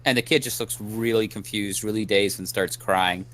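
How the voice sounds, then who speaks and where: A man narrating a tabletop game as game master, halting and restarting with many ums. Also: lowish voice, fairly even intonation, fairly bright tone.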